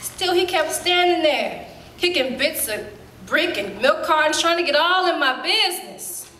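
A woman's voice: a little hiss or hum, heavily acted. Woman performing a spirited storyteller recalling girlhood. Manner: lively storytelling, colloquial, with quick leaps up in pitch. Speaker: stage actor. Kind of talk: dramatic monologue in a staged reading. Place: theater stage. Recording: roomy hall.

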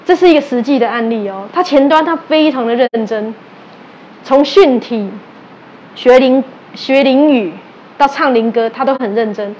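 High-voiced Taiwanese woman preaching. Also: moderate pace, dull audio, a little hiss or hum. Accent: Taiwanese Mandarin, mixing in Taiwanese Hokkien. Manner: animated storytelling, acting out quoted exchanges; asks the audience questions. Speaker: religious teacher. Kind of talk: sermon.

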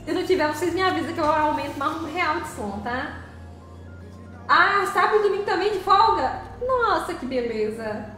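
Giggly high-voiced woman streamer, echoey. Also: pushed and bright. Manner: cheerful, greets viewers by name, giggly. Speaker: live streamer. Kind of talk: chatty live stream while driving a truck game.

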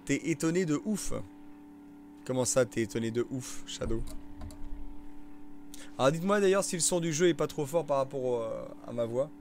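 A man's voice: mid-range voice, lively intonation, moderate pace, pauses often, a little mellow, slight background noise. A young man streaming a live survival game, chatting casually, joking and answering viewers in the chat. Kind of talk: live gameplay commentary.

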